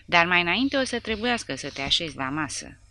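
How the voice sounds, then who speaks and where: A harsh, sneering male soldier hurls threats at his prisoners, as a woman reads him in an audiobook. The voice is gravelly and low, with a bright edge. The sound is close and completely dry. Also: sing-song, slight background noise, heavily acted. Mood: menacing. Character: brutal mocking male soldier interrogator.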